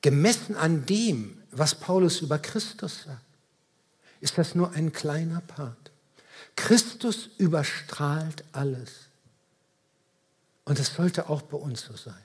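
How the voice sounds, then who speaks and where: A man's voice: a little high, animated, slow, long pauses, breathy edge. A man preaching a sermon in a church service, earnest and emphatic, speaking directly to the congregation and driving points home through repetition. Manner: earnest, emphatic with repeated phrases.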